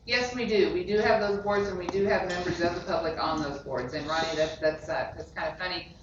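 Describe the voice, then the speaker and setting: A woman serving as mayor, chairing a public budget meeting in a brisk, direct way. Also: fairly low pitch. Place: council meeting room. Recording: echoey room from far off, muffled, noisy.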